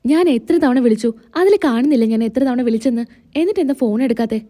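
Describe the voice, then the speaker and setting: A woman's voice: on the high side, fast talker, mellow, natural voice. A woman voicing a scheming, jealous young woman who grumbles sulkily. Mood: irritated. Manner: sulky, grumbling.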